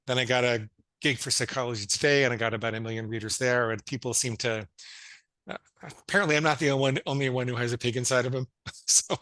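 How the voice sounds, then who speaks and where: A man's voice: mid-range voice, fairly even intonation, quick pace, bright, forceful tone, no echo. A man in his fifties, a psychologist guest telling his story in casual interview chat, earnest, with stammered restarts. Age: 50s.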